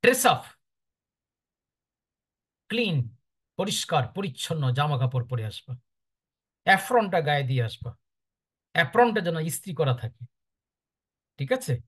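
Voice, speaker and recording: Lively, firm Bangladeshi male teacher. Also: a little high, moderate pace, long pauses, slightly rough. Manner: firm, instructive, lively emphatic delivery. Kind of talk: lecture advice to students.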